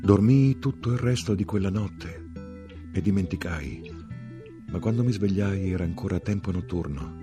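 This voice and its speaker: A man narrating a literary audiobook in a measured, dramatic way that lifts when he voices dialogue. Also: low voice, over music. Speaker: audiobook reader.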